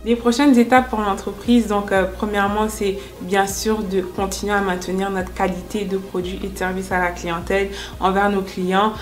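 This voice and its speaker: Speaking in an interview over background music, a woman in her twenties tells her own story as an entrepreneur and makeup artist. Her voice is mid-range and her manner earnest and explanatory; she was born in France but grew up in the United States.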